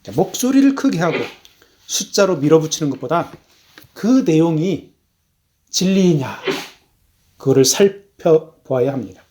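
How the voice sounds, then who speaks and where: A man preaching a sermon as a missionary, emphatic, his voice rising on key words and then falling low, slowing down for stress. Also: big pitch swings, dark tone. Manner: measured, slows down for stress.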